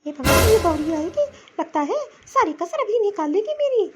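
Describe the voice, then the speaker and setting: A woman's voice: very high voice, very animated, moderate pace, loud music behind the voice. A woman voicing a weary, grumbling elderly mother-in-law in a cartoon who mutters complaints to herself. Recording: dull lo-fi sound.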